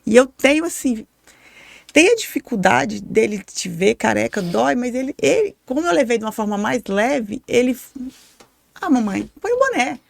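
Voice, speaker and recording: A Brazilian woman hosting a talk podcast, her voice a little high and strongly gravelly with vocal fry. She asks gentle questions and speaks close to the mic in a dry space. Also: expressive, moderate pace, no echo. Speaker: podcast host, mother and cancer survivor. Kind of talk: conversational interview.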